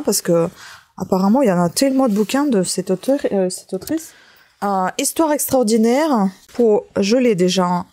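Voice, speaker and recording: A woman with a soft, mellow tone keeps up an easy running commentary as she goes through a pile of books. She talks to her viewers casually and thinks out loud, dropping frequent little asides at the ends of her sentences. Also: mid-range voice. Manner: chatty, thinking aloud while handling items, frequent "hein". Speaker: vlogger sorting books from bulky-item collection.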